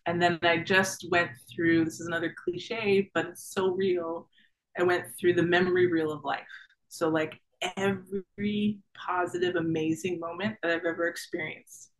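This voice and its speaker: A woman's voice: lowish voice, steady tone, measured pace, low-quality recording. A woman in her thirties recounts her own experience as a guest in casual conversation. She talks in a chatty, vivid way, peppered with fillers, and voices her past thoughts aloud. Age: 30s. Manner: vivid, chatty retelling with many "like"s and acted-out thoughts. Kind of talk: personal storytelling interview.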